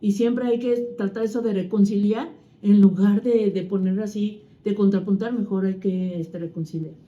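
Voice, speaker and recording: Very dark-voiced woman telling stories. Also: mid-range voice, fairly even intonation, normal speed, dull audio. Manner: conversational storyteller who tells anecdotes with a moral. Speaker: co-host, mother and teacher. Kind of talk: casual chat.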